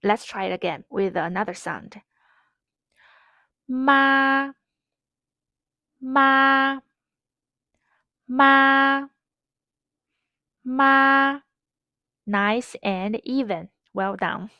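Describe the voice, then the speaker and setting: A woman teaching a pronunciation lesson, explaining patiently and modeling each sound clearly. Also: mid-range voice, no echo, clean studio sound. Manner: slow, patient, clearly enunciated instruction with modeled drills. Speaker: Mandarin teacher.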